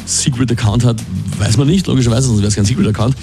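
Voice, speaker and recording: A man chatting casually as a radio host about a song, relaxed and quick to laugh. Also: mid-range voice. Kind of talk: casual chat about music. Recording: music underneath.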